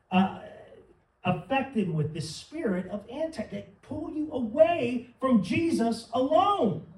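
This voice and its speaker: A man's voice: very high-pitched, darkish tone. A man preaching a sermon in church, fervent and building to emphatic peaks. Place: church sanctuary. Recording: roomy sound from some distance.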